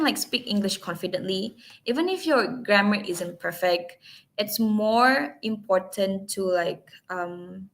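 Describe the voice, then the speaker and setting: A young Indonesian woman gives a webinar talk as a guest speaker, her mid-range voice fairly bright. She speaks hesitantly, with many fillers and restarts.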